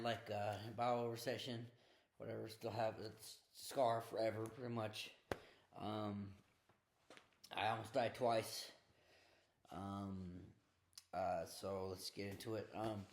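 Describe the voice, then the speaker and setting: A young man hosting a casual home interview with his father, talking hesitantly with lots of ums and uhs. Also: medium pitch. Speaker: interviewer, host of the video. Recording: echoey room with faint noise.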